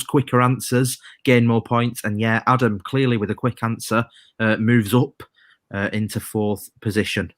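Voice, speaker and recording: Low-voiced man hosting a quiz. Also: no room sound, studio quality. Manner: reads quiz rhymes slowly, chatty asides. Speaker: quiz host. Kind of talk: live stream quiz hosting.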